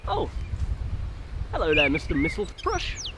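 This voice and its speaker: A man as earnest woodland guardian, theatrical, swooping high voice, children's storytelling, noisy outdoor recording. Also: huge pitch swings, unhurried. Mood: friendly, confiding. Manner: theatrical, earnest, addressing young audience as friends. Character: earnest, kindly protector of the woodlands.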